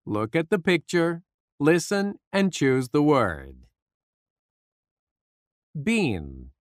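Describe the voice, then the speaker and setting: Woman phonics narrator, toddler-reading manner, extremely unhurried, dry studio sound, simple instructional phrasing. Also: sits low, very animated, dry recording. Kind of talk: slow instructional narration for young children.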